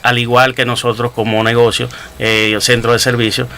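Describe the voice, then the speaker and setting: Guy explaining the parts business, lots of ehs, bright voice, faint noise behind. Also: mid-range voice, level tone, normal speed. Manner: hesitant, many fillers. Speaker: auto service company president, guest. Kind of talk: casual interview talk.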